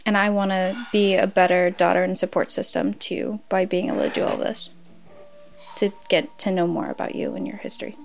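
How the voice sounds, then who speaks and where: A young woman asking her mother personal questions, slow and hesitant in an earnest way. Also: mid-range voice, flat delivery, gravelly, soft background music. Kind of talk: personal conversation.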